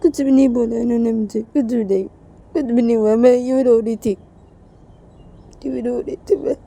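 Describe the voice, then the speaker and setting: A weepy young woman, as a woman storyteller acts her out, protesting in a lifted, pleading voice. The tone is mellow and dark despite the higher pitch, in a homemade audio story. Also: steady tone, normal speed. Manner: pleading, tearful denials. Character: tearful young woman insisting nothing happened.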